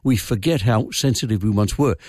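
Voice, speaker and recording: The voice is low-ish, husky and a bit mellow, moving at a brisk clip, from an older Australian man guesting as a language expert on a radio phone-in. He's wry and opinionated about word origins. A studio microphone records him dry, with no room sound.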